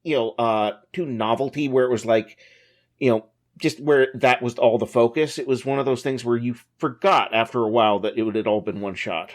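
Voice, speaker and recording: A man's voice: mid-range voice, fairly even intonation, fairly quick. A man co-hosting a podcast, joking and musing in casual chat. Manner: jokey, rambling musings. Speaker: podcast co-host and contestant.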